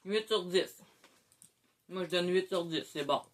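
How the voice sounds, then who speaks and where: A woman's voice: lowish voice, a little slow. A woman with a Québécois French accent casually hosting a snack tasting, munching chips as she talks. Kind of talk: casual chat, food tasting.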